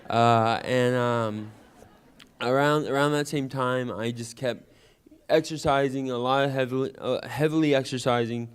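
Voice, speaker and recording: A young man from Louisiana, a guest actor, telling personal stories in an animated way and acting out childhood conversations. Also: mid-range voice, measured pace, clean tone. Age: young adult. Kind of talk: personal storytelling.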